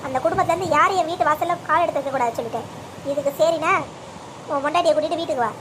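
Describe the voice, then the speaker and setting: Cartoon mother, furious and bitter, voiced by a woman; high, fast, demanding, noisy track. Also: close to an everyday voice. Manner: bitter, accusing, issues demands. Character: furious betrayed mother, middle-aged woman.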